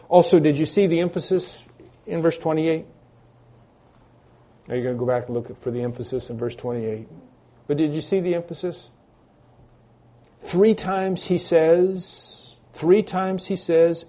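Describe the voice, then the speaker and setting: A man preaching an expository sermon, reading scripture aloud slowly and repeating key phrases for emphasis. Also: on the high side, warm tone.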